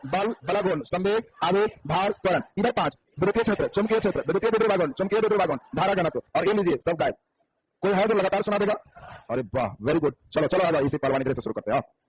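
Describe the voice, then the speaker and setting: A man's voice: sits high, slightly rough, low-quality recording. A man teaching a physics class on a handheld mic, drilling students with repeated questions. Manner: quizzing, drilling students by repetition. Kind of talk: classroom lecture.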